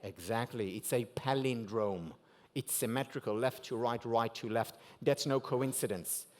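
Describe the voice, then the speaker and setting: In a banquet hall at a gala dinner, a man with an Israeli accent, whose native language is Hebrew, gives a motivational keynote. His mid-range voice is a little mellow and measured, and he leans on rhetorical questions, hitting key words with sharp rises and falls.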